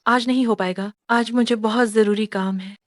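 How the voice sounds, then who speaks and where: A woman's voice: on the high side, fairly even intonation, normal speed, dry recording, studio quality, close to an everyday voice. An actress playing an earnest, determined young woman doctor in a Hindi drama dub.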